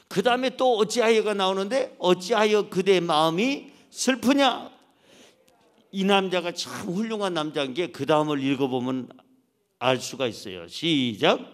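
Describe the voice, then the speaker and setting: A middle-aged man preaches in a church with a high-pitched voice. He is animated, acts out the voices of the people in his stories, and swings between loud outbursts and quiet asides. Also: moderate pace. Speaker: pastor. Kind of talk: sermon. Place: church sanctuary.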